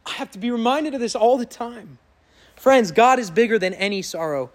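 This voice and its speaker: A pastor delivers an earnest, emphatic sermon to his congregation in a church sanctuary. His very high-pitched voice is loud and climbs to impassioned peaks.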